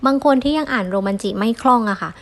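A woman's voice: on the high side, lively intonation, fast. A young woman giving a friendly online lesson, patiently sounding out syllables one at a time for learners. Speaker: Japanese language teacher.

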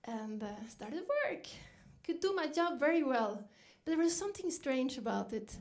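A woman's voice: high voice, expressive, moderate pace. A middle-aged woman from Norway, giving a reflective storytelling dinner keynote, lifting her voice when she quotes herself. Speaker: keynote speaker.

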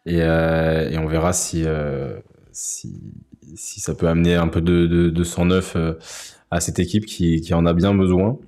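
A man co-hosting a casual streamed sports talk show, chatting in a relaxed, hesitant way. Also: low voice, measured pace, faint music behind. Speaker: co-host of a women's basketball talk show.

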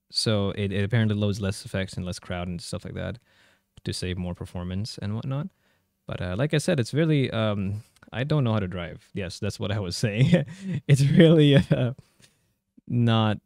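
Male gaming tech host, informal and chatty, gravelly edge, very dry close-miked sound. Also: on the low side, a little mellow, dry recording. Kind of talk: casual gameplay commentary and tutorial.

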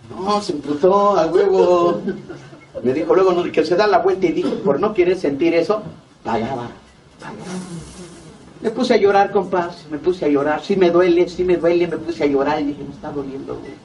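A middle-aged man with a Mexico City Spanish accent gives a blunt, heavily profane recovery testimony, acting out both sides of conversations he remembers. His voice is a little high and a little mellow. The distant mic picks up faint background noise.

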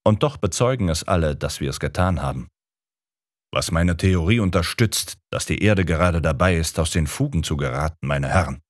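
A man voicing a booming, pompous older male professor who lectures condescendingly in an audiobook. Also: lively intonation, normal speed, dry recording, studio quality. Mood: grandiose. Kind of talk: audiobook character reading.

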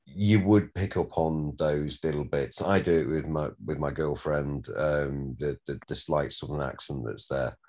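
Low-voiced Northern director giving notes. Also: male voice, fairly even intonation, measured pace, hardly any pauses, darkish tone. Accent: Northern English. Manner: rambling, repeats words, swears casually. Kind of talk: giving notes at a script read.

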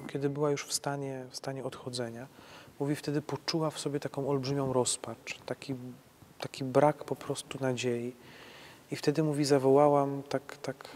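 A man's voice: mid-range voice, darkish tone, a little hiss or hum. A man, a priest, answering questions on faith in a conversational way, restarting his sentences and often ending them with a tag question. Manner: conversational, halting restarts, frequent tag "nie?".

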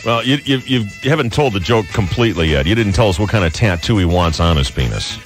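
A man's voice: sits low, animated, faint music behind. A man hosting a radio morning show, teasing callers as they tell jokes. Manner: wisecracking, quick to tease callers. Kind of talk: casual radio banter taking joke calls.

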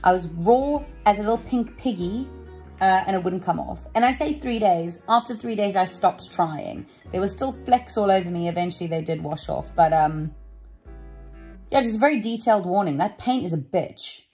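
A woman's voice: medium pitch, expressive, normal speed, darkish tone, faint music behind. A young woman, chatting casually to camera in a renovation vlog from rooms in her home, self-deprecating and lightly swearing. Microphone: handheld camera or phone at arm's length.

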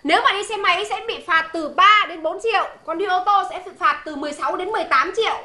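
Brief: stubborn Northern Vietnamese wife, very high bright voice, insistent, sitcom. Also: female voice, fast talker. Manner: insistent, defiant, polite to elders. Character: fed-up young wife, prim and stubborn. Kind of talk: sitcom acting.

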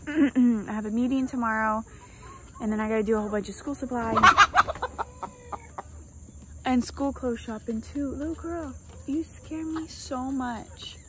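Her voice sits high as this young homestead vlogger chats casually and talks to her chickens, recording on a phone at arm's length. The scenes shift from an outdoor backyard chicken run to her kitchen at home, and chickens cluck and roosters crow in the background.

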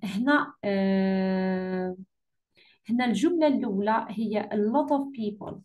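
A woman with an Algerian Arabic accent correcting an English exam for her students, patiently repeating key words slowly. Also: mid-range voice, darkish tone. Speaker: English teacher.

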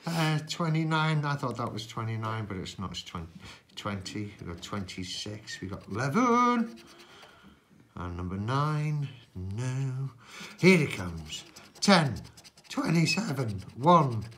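A man's voice: medium pitch, big pitch swings, unhurried, a bit bright, a little hiss or hum. A middle-aged man chatting casually while scratching cards, calling out numbers one by one like a bingo caller. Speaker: host of a scratch card channel. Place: indoors at a tabletop.

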